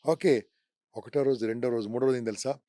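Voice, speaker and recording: A man giving animated career advice in an interview, full of rhetorical questions and English words. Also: mid-range voice, brisk, dry recording, studio quality. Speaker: career trainer.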